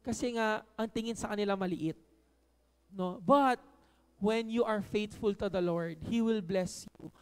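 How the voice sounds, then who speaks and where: A man's voice: sits high, unhurried, clear, resonant tone. Man preaching in a reverberant hall. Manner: frequent "No?" tag questions to the audience; lively emphasis on key words. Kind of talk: conversational sermon mixing Tagalog and English.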